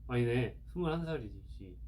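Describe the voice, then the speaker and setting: A man's voice: mid-range voice, animated, normal speed, darkish tone. A young man in his twenties with a mid-range voice, chatting casually on a livestream. His talk is easygoing and conversational, with a faint hiss behind him. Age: 20s. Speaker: livestream co-host. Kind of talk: casual chat.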